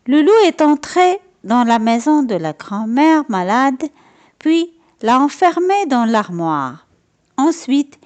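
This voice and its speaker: A woman reads a children's fairy tale aloud at an unhurried pace. Her fairly high voice rises and falls widely, with a sing-song storytelling lilt. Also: a little mellow.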